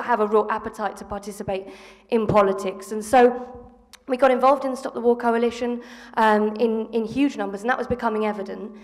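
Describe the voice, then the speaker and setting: A woman in her thirties from England, a panel guest speaking earnestly into a handheld mic, with many ums and restarts. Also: on the high side. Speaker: panel guest, former school strike organiser. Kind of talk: live panel discussion. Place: theatre stage before an audience. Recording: long reverb of a theatre hall.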